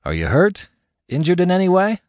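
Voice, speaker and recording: A male narrator voicing a big, steady firefighter who talks calmly and firmly to reassure someone. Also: sits high, brisk, no echo, clean studio sound, pitched above the performer's own voice. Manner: calm, firm, reassuring.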